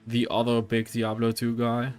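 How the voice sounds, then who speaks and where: A man's voice: medium pitch, completely flat delivery, moderate pace, a little mellow, soft background music. A young Dutch man with a Dutch accent, chatting casually while streaming a game, rambling with fillers and restarts. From Netherlands. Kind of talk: casual gameplay chat.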